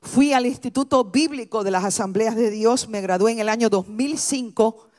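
A middle-aged woman pastor giving a sermon, preaching with passion and building to high-pitched shouts.

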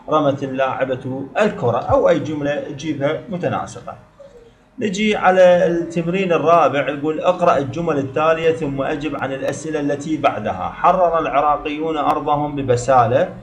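A man's voice: fairly high pitch, echoey room. A man with an Iraqi Arabic accent teaching a grammar lesson, explaining step by step and repeating words for emphasis.

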